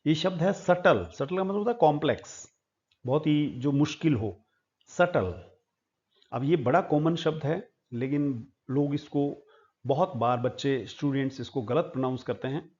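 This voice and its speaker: A man from India, teaching English pronunciation in a slow lesson and repeating each word several times. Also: on the high side, a little mellow, lo-fi sound.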